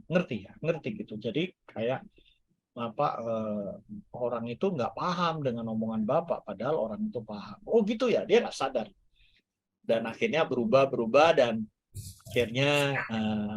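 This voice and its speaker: An older man giving a lively sermon as a guest speaker at a church service, asking his listeners questions and swinging between loud exclamations and quiet asides. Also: mid-range voice.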